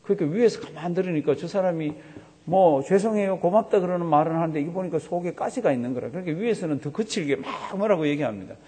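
A man's voice: on the high side, very fast, few pauses, dark tone, breathy edge. A man preaching a sermon as a pastor, telling a story and acting out the voices of the people in it. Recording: long hall reverb.

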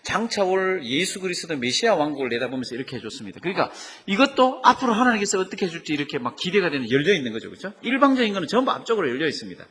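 A man's voice: high voice, very animated, rapid-fire, hardly any pauses, fairly bright tone. A man preaching a Bible-teaching sermon, often putting questions to the congregation. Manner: asks the congregation frequent questions. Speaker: pastor. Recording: long hall reverb.

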